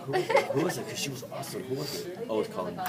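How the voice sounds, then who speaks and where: A man's voice: a little high, wildly swooping pitch, fast, creaky, over a noisy crowd. A man teaching a biology class during a dissection, joking and quizzing his students. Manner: jokey, chatty, quizzes the class. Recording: distant mic in a noisy classroom.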